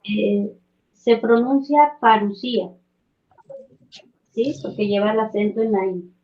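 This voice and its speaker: A woman with a Mexican accent leads a Bible class, gently correcting pronunciation and asking students pointed questions. Her voice sits at an ordinary pitch, and the recording is dull and lo-fi. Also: unhurried. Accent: Mexican Spanish. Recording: dull lo-fi sound.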